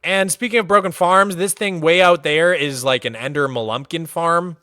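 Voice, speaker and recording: This man from Massachusetts, USA has a voice on the high side and talks at normal speed, recorded dry with clean studio sound. He's casually livestreaming as he tours a game world, relaxed and chatty, dropping lots of "like" fillers.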